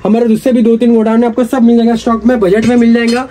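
A man, giving a rapid, repetitive sales pitch while showing gear in a cluttered indoor shop, filmed close up. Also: flat delivery, warm tone, a little hiss or hum. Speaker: gym equipment seller.

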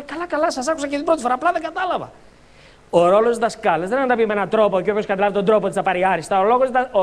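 A high-voiced Greek man speaks at a motivational seminar in a lively coaching style. He jokes with the crowd and acts out short scenes. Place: conference hall.

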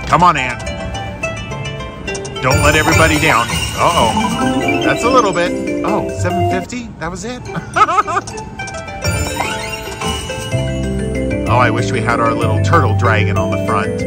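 A man giving casual, excited gambling commentary as a slot video host, coaxing the machine aloud and repeating short phrases. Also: on the high side, moderate pace. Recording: loud machine music behind. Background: loud slot machine music.

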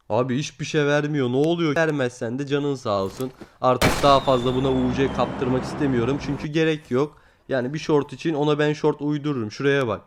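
A young man with a fairly high voice gives casual commentary over his own gameplay. He is excitable, scolds the game out loud and curses at it when it gives him nothing. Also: slight background noise. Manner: excitable, swears at the game, talks to it directly. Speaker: gaming YouTuber.

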